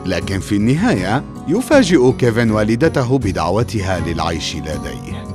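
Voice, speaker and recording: A man narrates a story in a scripted, expressive way. His voice sits low and swings widely in pitch, over a clearly audible music bed. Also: moderate pace.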